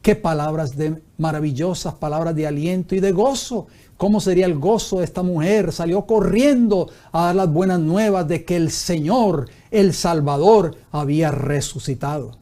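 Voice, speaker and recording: A man's voice: a little high, normal speed, few pauses, mellow. A man pastor teaching a Bible study sermon, reading scripture aloud and asking his listeners rhetorical questions.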